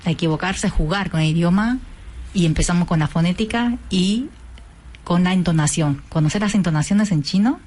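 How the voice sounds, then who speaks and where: A woman's voice: fairly low pitch, a little fast, a little mellow. A woman with an Argentine accent, president of a cultural association, patiently explaining lessons in a radio interview. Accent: Argentine Spanish. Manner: patient, teacherly, sings out tones to demonstrate.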